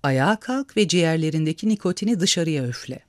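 Man doing imperious old woman, scornful, commanding, wide-swinging pitch, dry close sound, storybook reading. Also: lively intonation, fast talker, a little mellow, dry recording, lightly acted. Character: imperious, sharp-tongued rich old woman.

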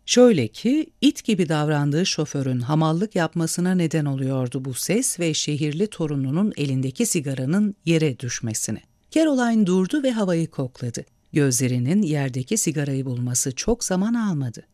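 A male narrator reads a story aloud in a measured, expressive way. His pitch sits a bit high and moves with lively swings. The sound is dry and close to the mic. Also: no room sound.

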